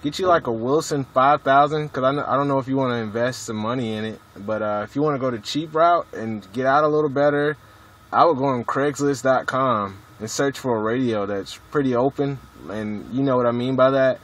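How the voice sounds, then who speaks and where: Recorded noisily on a mobile device, this CB radio hobbyist talks from a vehicle at a truck stop in a slangy, jargon-heavy, swearing style. He speaks fairly quickly in a mid-range voice with a fairly bright tone.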